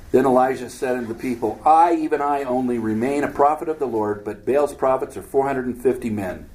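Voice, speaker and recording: A man's voice: medium pitch, brisk, few pauses, darkish tone, low-quality recording. A man teaching a Bible study, reading scripture aloud and breaking in with casual, joking commentary. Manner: reads scripture aloud then adds joking asides, acts out voices.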